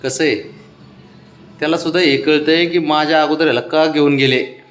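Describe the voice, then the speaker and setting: A man's voice: on the high side, steady tone, normal speed, a bit bright. A man coaxing his sulking pet in doting, repetitive baby talk for a casual vlog.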